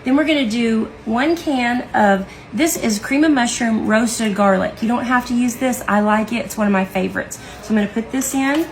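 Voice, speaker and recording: A woman's voice: on the high side, moderate pace, few pauses, background noise. A woman hosting a casual cooking show, chatting through each recipe step in her kitchen. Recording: kitchen clatter of dishes and pans.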